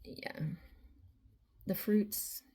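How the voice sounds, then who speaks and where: A woman with a raspy voice giving a rambling tarot reading to viewers, full of filler phrases. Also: very slow, dark tone, whispered. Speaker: tarot reader.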